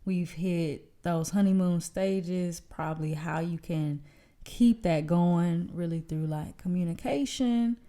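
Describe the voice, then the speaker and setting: Mellow woman podcast co-host. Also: fairly low pitch, slow. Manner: agreeable, chatty. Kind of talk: casual relationship chat.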